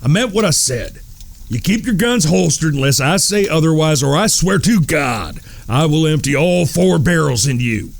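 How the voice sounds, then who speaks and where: In a Western audio drama, a male actor plays a stern, protective outlaw older brother with a Southern American accent and a folksy, commanding manner. His slightly high, creaky voice is expressive at a moderate pace, captured in a dry recording.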